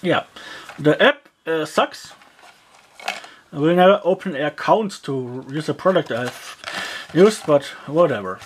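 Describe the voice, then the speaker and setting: With long pauses and a slightly slow delivery, an animated medium-pitched voice works through taking apart a cheap gadget. A bit of hiss or hum sits under this rambling teardown commentary, which is full of fillers like "yeah" and "uh" and grumbling asides.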